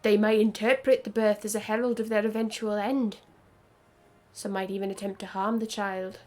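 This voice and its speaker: A woman's voice: mid-range voice, flat delivery, moderate pace, darkish tone. A woman streaming a game, reading its story dialogue aloud earnestly, with joking asides.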